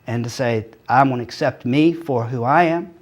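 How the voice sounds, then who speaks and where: A man's voice: mid-range voice, moderate pace. A man who is a guest author on a talk show, speaking in a motivational way and repeating key phrases. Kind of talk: casual chat.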